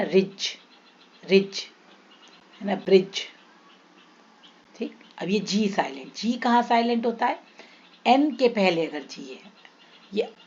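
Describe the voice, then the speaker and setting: A woman with an Indian accent teaching an English grammar lesson, repeating example words slowly and putting questions to her students. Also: medium pitch, a little mellow, highs cut off. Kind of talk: classroom lesson explaining rules.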